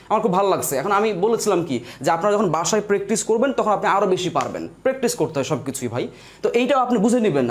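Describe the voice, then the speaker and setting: Fast, high-voiced male teacher. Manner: explains step by step, repeats points, addresses viewers as brother. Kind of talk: live online grammar lesson.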